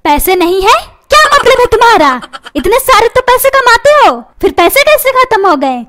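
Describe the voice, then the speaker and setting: A woman's voice: very high voice, sing-song, normal speed, fairly bright tone, a little hiss or hum, full character voice. A woman voicing a dramatic, nagging cartoon mother who complains about her husband.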